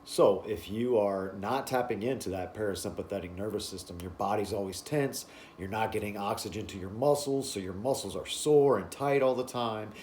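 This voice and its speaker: A man teaching a wellness class informally, explaining in short phrases with halting pauses. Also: fairly low pitch, a little mellow, slight background noise. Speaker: breathing and stress-relief class instructor.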